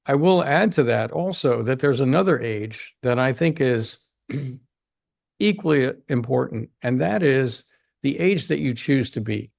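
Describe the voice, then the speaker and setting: A man with a fry-edged, gravelly voice talks as a longevity doctor in an interview. He lays out his points with emphasis, often tagging them with a quick "right?". The sound is dry, with no room echo. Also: medium pitch, animated, a little mellow. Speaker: longevity doctor, podcast guest. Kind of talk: explanatory interview talk.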